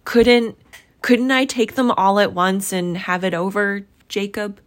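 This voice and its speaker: A woman's voice: low-pitched, slow. A woman reading aloud and voicing a frightened old miser who pleads in a faltering voice. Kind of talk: storybook reading.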